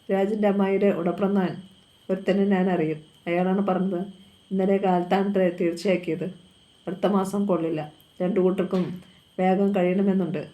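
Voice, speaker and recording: A woman reading the lines of a quiet adult man who gives grave news in a low, measured way. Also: close to an everyday voice, low-quality recording.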